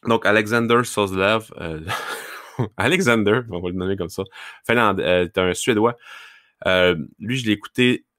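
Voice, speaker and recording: A man with a Québécois accent from Lac-Saint-Jean, Quebec, hosts a solo hockey scouting podcast in a casual, rambling way, full of fillers and restarts, and laughs at himself. His voice is fairly low and fairly bright, and he speaks unhurriedly. The studio-quality recording has no echo.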